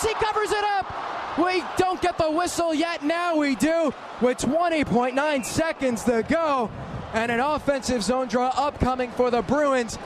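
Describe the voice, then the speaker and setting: Over a radio broadcast thick with loud arena noise, a male commentator calls ice hockey play-by-play live. His pitch is extremely high, and he narrates the action in an excitable, urgent, clipped stream as the hockey arena roars around him.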